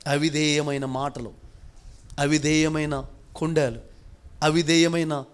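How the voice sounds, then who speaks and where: A pastor delivers a sermon in a notably high voice for a man. He drives his points with strings of rhetorical questions, pushing some lines loud and drawing others out slow and quiet. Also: level tone, clear, resonant tone. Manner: preaching with rhetorical questions, swinging between loud and hushed.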